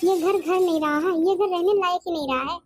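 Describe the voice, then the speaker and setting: A woman's voice: very high-pitched, a little fast, faint music behind. A woman voicing a stubborn, bitter older mother-in-law in a cartoon, scolding and complaining. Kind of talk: cartoon voice acting.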